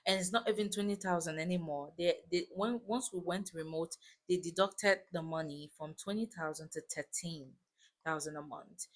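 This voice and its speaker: With a voice on the low side and a normal speaking pace, a West African YouTube vlogger in her twenties shares a personal story. She's a native French speaker with a West African accent, and her delivery is informal and chatty, full of emphatic asides and check-ins.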